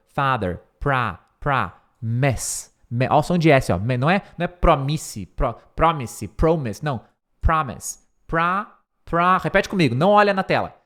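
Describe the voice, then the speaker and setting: Man teaching English, slow and repetitive. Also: a little high, a bit bright. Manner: repeats words slowly to model pronunciation; thinks aloud and corrects himself mid-sentence. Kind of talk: English lesson explaining a speech line by line.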